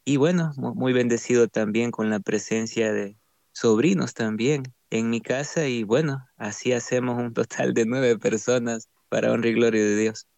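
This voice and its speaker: A young man from El Salvador with a Salvadoran accent, sharing his faith testimony as a guest, in a slow, halting way with many fillers. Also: mid-range voice, fairly even intonation, creaky, a little mellow, no echo. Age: young adult. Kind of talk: testimony interview.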